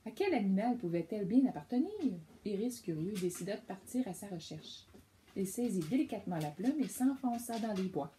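A woman reading a children's picture book aloud, gently speaking to a child. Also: mid-range voice, lively intonation, brisk, slight background noise, rough recording. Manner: gentle, addressing a child directly. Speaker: reader.

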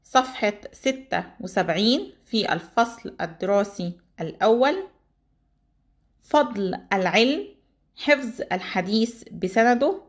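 A woman teacher with an Egyptian Arabic accent reads out a long list of exam topics in a steady, even way. Her voice sits a little on the high side.

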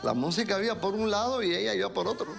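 Hombre, voz algo aguda, expresivo, música suave detrás. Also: male voice, high voice, fast, vocal fry, a bit bright, faint music behind. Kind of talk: documentary interview commentary.

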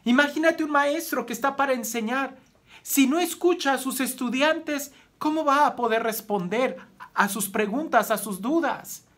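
A man, a priest giving a gospel homily, talking earnestly and asking many rhetorical questions. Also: normal speed. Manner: earnest, rhetorical questions, swings between raised emphasis and soft low phrases.

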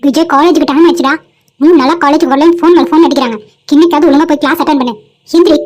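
A woman's voice: high voice, fairly even intonation, racing, darkish tone, close to an everyday voice. A woman voicing an irritated middle-aged mother who scolds her son and husband sharply. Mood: scolding.

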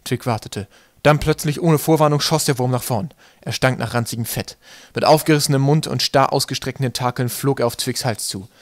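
A man reading an audiobook in calm, steady narration. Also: medium pitch, brisk, dry recording, studio quality. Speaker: audiobook reader. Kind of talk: scripted narration.

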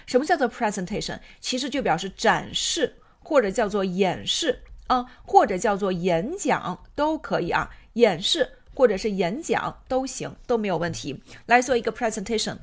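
A woman's voice: mid-range voice, a bit bright. A woman teaching an English grammar lesson, patiently explaining step by step, asking rhetorical questions and switching between Chinese and English example sentences.

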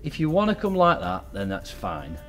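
A man's voice: fairly high pitch, huge pitch swings, normal speed, a bit bright, soft background music. A man who leads a church, playing himself in a comedy skit, talking casually with mild exasperation. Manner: casual, mildly exasperated, calls everyone mate. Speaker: senior church leader.

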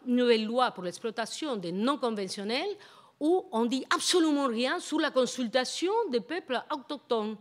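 A middle-aged native Spanish-speaking woman with a foreign, Latin American Spanish accent in French, giving a public academic lecture and often halting to search for words. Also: on the high side. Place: indoor lecture hall at a university. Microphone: handheld-type microphone on a stand.

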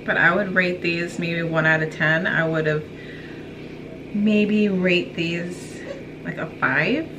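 A woman's voice: fairly low pitch, fairly even intonation, slow pace, background noise. A young woman giving a casual food review in her home kitchen. She is chatty, a little flustered, and pokes fun at herself. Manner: chatty, self-deprecating, flustered. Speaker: guest reviewer, host's wife. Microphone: camera mic, medium shot.

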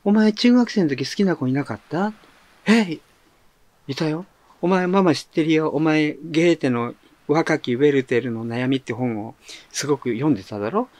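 A man's voice: on the high side, moderate pace, darkish tone, dry recording, close to an everyday voice. A man quoting the words of a brusque, bossy middle-aged mother in a blunt, scolding way, as part of his own story. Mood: teasing. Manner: blunt, scolding, calls people "you".

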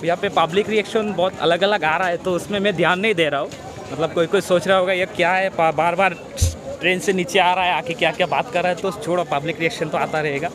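High-voiced man vlogging at a busy station. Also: fast. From Tripura, India. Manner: chatty, relaxed, guiding the viewer around. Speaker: travel vlogger. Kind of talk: casual walking vlog to camera. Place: outdoors at a busy railway station and platform. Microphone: phone camera at arm's length. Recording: outdoor phone recording with crowd around. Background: crowd chatter and passing vehicles.

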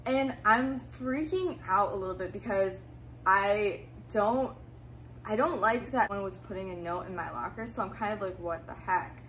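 Young woman, casual storytime, chatty with fillers, medium-pitched voice. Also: normal speed, a bit bright, slight background noise. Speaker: YouTuber.

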